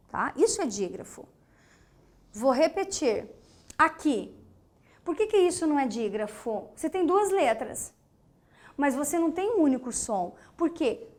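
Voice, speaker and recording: The grammar teacher has a Brazilian Portuguese accent and a high-sitting voice. Emphatically, she repeats important words and keeps checking in with the class.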